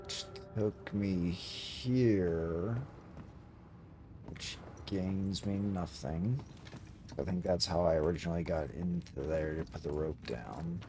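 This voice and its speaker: Low-voiced man muttering through a game. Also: slow, warm tone. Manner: muttering, thinking aloud. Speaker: gamer. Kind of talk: casual game commentary. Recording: clear background game noise.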